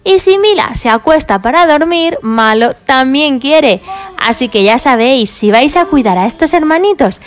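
A woman's voice: sits high, expressive, moderate pace. A woman presenting toys and explaining them cheerfully to children. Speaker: toy video presenter. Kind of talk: toy play and review for children.

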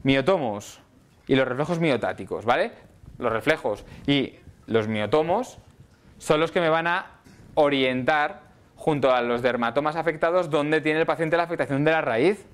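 A man's voice: on the high side, moderate pace. A middle-aged man lecturing physiotherapy students in a casual way, often checking in with "¿vale?". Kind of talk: university lecture. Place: lecture hall.

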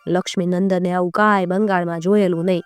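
A woman storyteller narrating a folk tale in a lively, rhythmic way. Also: on the low side, fast talker, smooth, no echo, soft background music.

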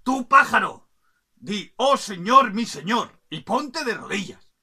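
A woman voicing a proud, bad-tempered king who barks loud, indignant commands. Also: mid-range voice, sing-song, slow, creaky, breathy edge, voice pushed up, exaggerated voice. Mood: commanding.

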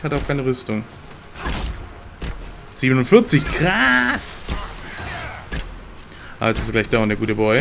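Young gamer dude, slangy, gets excited, chats to the game, faint hiss. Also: male voice, medium pitch. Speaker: let's play gamer. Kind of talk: casual gameplay commentary.

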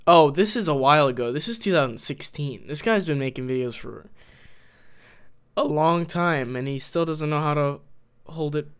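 Smooth-voiced man doing casual reaction chat. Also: fairly high pitch, normal speed, a bit bright. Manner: casual, swearing, mocking. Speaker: host reacting to videos.

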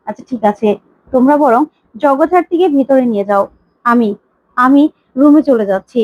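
Emotional older man begging over and over, read by a woman, high voice, dry sound. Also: expressive, normal speed, no echo, phone-quality sound. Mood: pleading. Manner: pleading, repeats his plea. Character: emotional older man longing to be called father.

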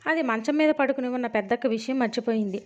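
Woman, audiobook narrator, reads a novel aloud, voices the dialogue a little, slightly high pitch, muffled lo-fi sound. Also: fast. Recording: dull lo-fi recording.

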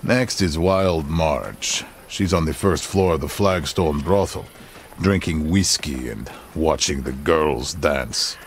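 In a video game cutscene, a male actor with an extremely low, slow, exaggerated voice plays a cocky, laid-back Wild West outlaw who is plotting something. He drawls and drops Spanish words into his English, with a little hiss or hum in the audio.

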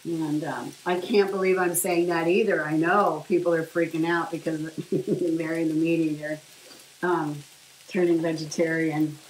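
While food sizzles in a pan, a middle-aged woman speaks casually to a camera placed nearby on her kitchen counter, sharing her diet in a rambling, filler-filled vlog. Her voice is low and level, with a measured pace, and the home kitchen sounds echoey with slight hiss.

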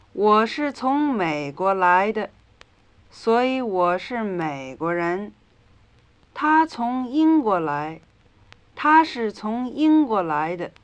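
A woman reading her part in a scripted language lesson dialogue, speaking drill lines slowly and deliberately, on a dull lo-fi 1950s record. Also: medium pitch, animated.

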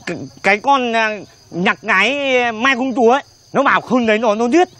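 A man's voice: very high voice, brisk, pushed and bright. An actor playing a panicky, cowardly young male suitor in a village comedy film, wailing and stammering. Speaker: comic lead in a comedy film. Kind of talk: slapstick comedy film acting.

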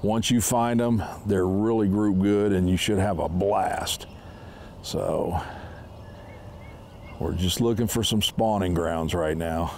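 A fishing-show host in his fifties casually explains his technique while fishing from a small boat on a lake outdoors. His low, somewhat mellow voice moves slowly with fairly even intonation, over a slight hiss or hum.

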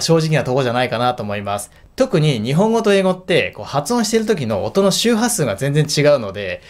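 A man teaching in an emphatic, lively way in a video lesson. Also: on the high side. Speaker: English teacher.

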